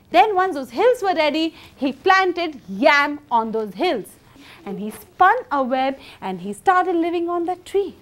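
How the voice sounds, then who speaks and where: A woman in her thirties telling a folktale live to children in a theatrical, expressive way. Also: sits high. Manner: theatrical, expressive, uses sound effects. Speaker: children's storyteller. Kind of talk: live dramatic storytelling of a folktale. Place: medium-sized indoor room with seated children.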